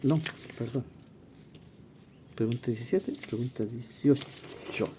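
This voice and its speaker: Man teaching in a dark, mellow voice. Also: medium pitch, takes it slowly, slight background noise. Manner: explanatory, thinking aloud with self-corrections. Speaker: language teacher. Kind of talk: exam walkthrough lesson.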